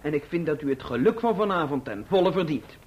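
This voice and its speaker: An actor playing a smooth-talking young gentleman in a radio play, courteous with a slightly condescending edge. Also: a little high, animated, fast, dull audio.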